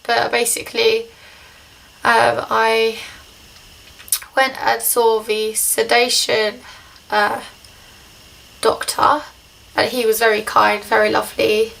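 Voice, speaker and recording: A woman's voice: a little high, level tone, slow pace, gravelly, long pauses, a bit bright, rough recording. A young woman talking hesitantly in a casual video diary, short of breath and congested just after nose surgery. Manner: hesitant, rambling.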